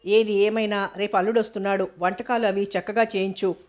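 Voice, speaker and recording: A woman's voice: mid-range voice, little pitch movement, a little fast, darkish tone, lightly acted. A woman voicing an easygoing middle-aged father who teases his wife and brushes off her worries, in an audiobook reading. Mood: dismissive. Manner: teasing, dismissive.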